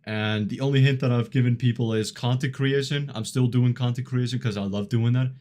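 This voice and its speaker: A man in his early twenties talks to his live-stream chat in a loose, rambling way. He often chuckles and leans on fillers like "like" and "you know". His voice sits in an ordinary middle pitch. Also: fairly even intonation, a little fast, dark tone. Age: 20s. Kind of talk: casual live-stream chat reading chat messages.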